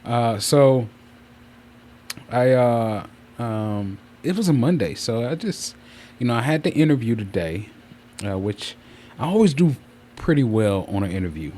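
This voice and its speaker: In a medium-pitched voice, a man chats casually while hosting his livestream from a room at home, unhurried and pausing often. He rambles and repeatedly circles back to the same points, with clear, steady fan noise in the room.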